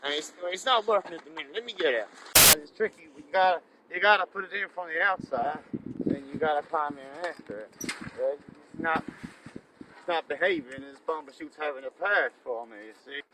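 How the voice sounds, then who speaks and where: An actor playing a scruffy, eccentric drifter who rambles and drawls in a character comedy outdoors. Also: male voice, on the high side, moderate pace, heavy background noise, natural voice. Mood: rambling. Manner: rambling, drawling, calls everyone "boy".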